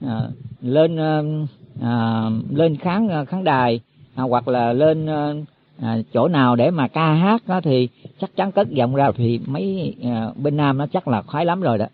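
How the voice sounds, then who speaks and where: A man's voice: mid-range voice, lively intonation, unhurried, dry recording. A man giving a Buddhist sermon to monks, explaining in a folksy way and repeating his words as he goes. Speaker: Buddhist teacher. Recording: tinny phone-like, dry.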